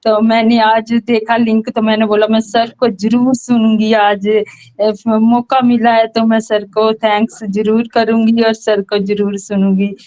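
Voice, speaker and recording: A woman from Jammu speaks in a slightly raised, even tone, pausing often with fillers as she thanks the speaker. Her voice comes through a dull, lo-fi online call. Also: a little high. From Jammu, India. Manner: hesitant, many fillers and repeated thanks. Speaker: participant in an online session. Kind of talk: casual testimonial.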